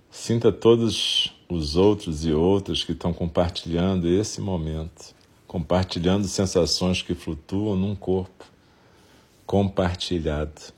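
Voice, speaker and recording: Very low, breathy Brazilian man guiding meditation. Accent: Brazilian Portuguese. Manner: soft, soothing, gentle delivery with long pauses. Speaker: meditation guide. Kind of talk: guided compassion meditation.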